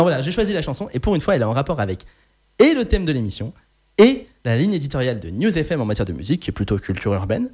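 A fast-talking man hosting a live radio talk show from a studio. His voice jumps around a lot as he asks guests questions. He is chatty and teases himself over small slips. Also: medium pitch, slightly rough. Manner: lively, chatty, joking with himself. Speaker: radio host.

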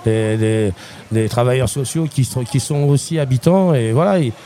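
A middle-aged local resident from Grenoble, France, speaks with a Grésivaudan-area accent in a medium-pitched, dark-toned voice at normal speed. Interviewed outdoors at a neighborhood festival, he chats casually and talkatively, often searching for words.

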